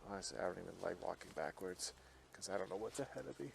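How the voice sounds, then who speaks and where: A man filming himself outdoors in the woods on a handheld camera, talking nervously, dropping to whispers and then calling out loudly. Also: low-pitched, quick pace, vocal fry, slight background noise. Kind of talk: handheld found-footage commentary.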